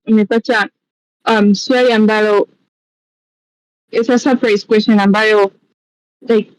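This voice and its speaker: A woman's voice: on the high side, darkish tone, no echo, low-quality recording. A woman with a Tanzanian accent, a scholarship mentor giving encouraging seminar advice over a video call. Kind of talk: seminar talk mixing English and Swahili.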